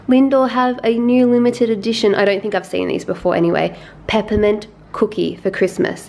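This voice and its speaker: A young woman chatting casually to camera in her apartment, self-deprecating and relaxed. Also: medium pitch, vocal fry. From Australia. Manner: chatty, self-deprecating, talks with mouth full while tasting. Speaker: lifestyle vlogger. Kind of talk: casual vlog chat. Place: small apartment indoors.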